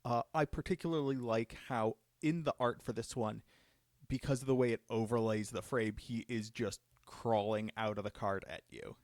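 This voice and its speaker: A man's voice: medium pitch, steady tone, normal speed, a little mellow, dry recording, clean studio sound. A man hosting a live stream Q&A, casually revealing cards with enthusiasm. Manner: enthusiastic, upbeat card reveals. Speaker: judge program host.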